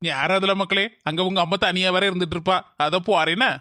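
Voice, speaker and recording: A woman voicing a soft-spoken, indulgent middle-aged village father in a cartoon, with a southern Tamil Nadu accent. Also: on the low side, steady tone, fast, dry recording, studio quality. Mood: friendly.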